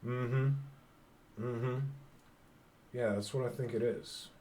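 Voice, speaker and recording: A man co-hosting a casual podcast chat, swearing often and joking in a relaxed way. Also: mid-range voice, slow, a little hiss or hum. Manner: profane, joking, laid-back. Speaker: podcast co-host.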